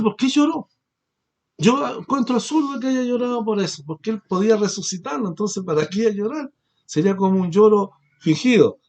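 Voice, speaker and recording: Man, high voice, pastor's sermon, rhetorical questions, loud then hushed. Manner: preaching with rhetorical questions, rising and falling in force.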